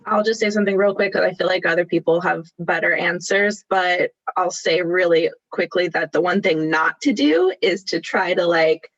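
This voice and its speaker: A panelist on a video call making quick, chatty remarks full of fillers. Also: medium pitch, a bit bright, no room sound. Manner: fast, chatty, lots of fillers. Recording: dry, muffled video call audio.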